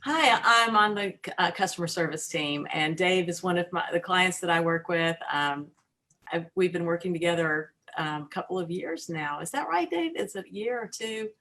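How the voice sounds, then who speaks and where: A woman's voice: on the low side, animated, normal speed, sharp tone, echoey room. A woman with a Southern US accent from the customer service team, friendly and a little hesitant.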